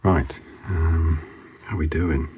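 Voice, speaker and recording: A man's voice: extremely low pitch, takes it slowly, dark tone, a little hiss or hum. A man hosting a drawing channel, mumbling casual commentary to himself as he sketches, rambling with lots of fillers.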